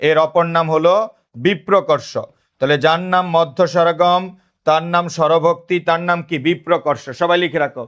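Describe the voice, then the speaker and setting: In lo-fi sound, a man with a fairly high, a bit bright voice and Bangladeshi accent teaches grammar live online. He asks the same questions again and again as a drill, presenting himself as his students' big brother.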